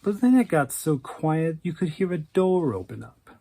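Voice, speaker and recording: A man's voice: a little high, very animated, normal speed, warm tone. A man narrating an oral history with vivid, wry storytelling.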